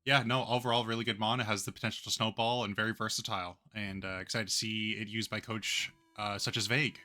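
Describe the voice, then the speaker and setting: Brief: young male host, low-pitched but bright tone, chatty and analytical, faint music behind. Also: flat delivery, fast. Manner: upbeat, analytical, with many fillers. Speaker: league coach and draft host. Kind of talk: casual stream chat.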